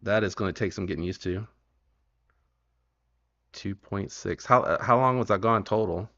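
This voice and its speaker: A man with a drawl chats casually as the host of a home livestream. His voice sits low, and he rambles, trailing off and starting over. The sound is muffled and lo-fi, like audio from a stream. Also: normal speed, fairly bright tone. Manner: rambling, self-correcting and easygoing. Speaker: knife channel host.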